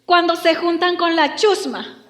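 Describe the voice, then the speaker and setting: A woman pastor preaching a lively, humorous sermon. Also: very high-pitched, unhurried, echoey room. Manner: lively, humorous, acts out quotes.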